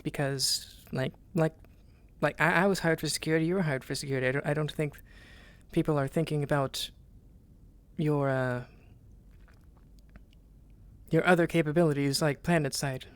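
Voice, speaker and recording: A man talking casually in character during an online roleplay, halting and repeating words as he restarts. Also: on the high side, steady tone, clean tone.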